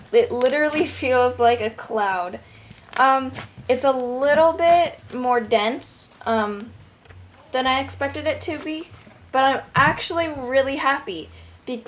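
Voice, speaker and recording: A young woman giving a casual, excited product review as a show host, recorded at home through a headphone microphone. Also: high-pitched. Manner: excited, gushing. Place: bedroom at home. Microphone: headphones used as microphone. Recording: headphone mic with clear background noise.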